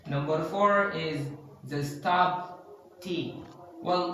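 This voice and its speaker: Bright-voiced man teaching in an echoey room. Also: on the high side. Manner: slow, deliberate demonstrations of word sounds. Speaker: English pronunciation teacher. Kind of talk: online language lesson. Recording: echoey room with faint background noise.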